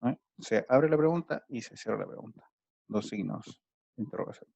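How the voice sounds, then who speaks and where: Gravelly male teacher, dry sound. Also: mid-range voice, normal speed, darkish tone, no echo, dull audio. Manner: patient, explaining step by step. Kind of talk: online math class.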